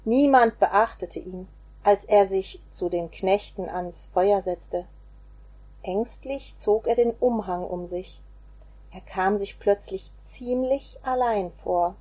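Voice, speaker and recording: A woman reading a children's Bible story aloud in a slow, expressive way. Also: mid-range voice, husky.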